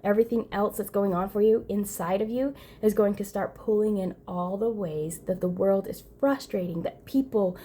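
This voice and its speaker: A woman's voice: mid-range voice, fairly even intonation, normal speed, few pauses, dark tone. A woman giving an earnest, emphatic self-help monologue, often repeating phrases and restarting her sentences. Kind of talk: motivational monologue to camera.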